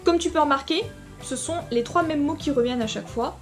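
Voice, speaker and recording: A Latin teacher with a high, brisk voice gives a short explanatory lesson, speaking informally and straight to the viewer with lots of fillers and hesitations. Faint music plays behind her.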